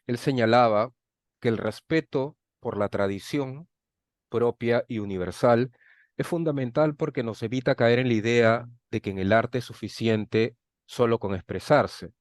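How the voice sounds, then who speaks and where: A man with a mid-range voice works as an interviewer, framing questions formally and deliberately. His delivery is measured, and the recording is dry with little room sound. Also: mid-range voice, no echo.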